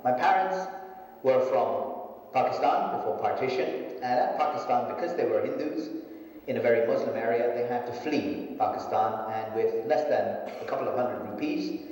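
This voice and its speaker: A man in his fifties, from a Sindhi family and raised in Hong Kong and Japan, recounts his life story in a measured, even telling. His voice comes from a video played back in a big hall and picked up from far away, washed in heavy echo. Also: medium pitch. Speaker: management consultant giving a testimony. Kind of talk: personal testimony in a video.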